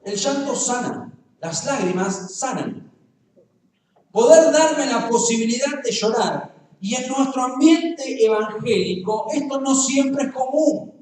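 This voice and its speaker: A man with a Rioplatense Argentine accent preaches, his voice pitched high for a man. He is picked up from some distance in a very echoey church. He jokes and talks straight to the congregation. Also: animated, slow pace, a little mellow. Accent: Rioplatense Spanish. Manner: humorous, conversational, addresses the congregation directly. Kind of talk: sermon. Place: church hall.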